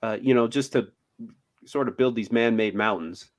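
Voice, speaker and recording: A man's voice: medium pitch, moderate pace. A man co-hosting a podcast in casual chat, hesitant, with many ums and uhs. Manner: hesitant, lots of fillers. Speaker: podcast co-host.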